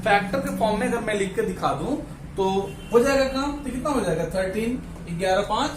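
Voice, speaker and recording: Man, maths teacher, classroom lesson, high voice, echoey room, faint background noise. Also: lively intonation, brisk. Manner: repeats "ठीक है ना", counts steps aloud. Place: classroom with students. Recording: echoey classroom, mic far off.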